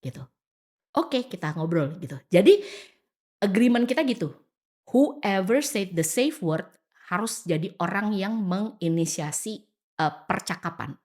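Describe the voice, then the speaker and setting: Here a woman from Indonesia, unhurried and mid-range in voice, gives casual advice on a podcast where she's a guest. She speaks with animation, plays out quoted lines, and blends English phrases into her speech.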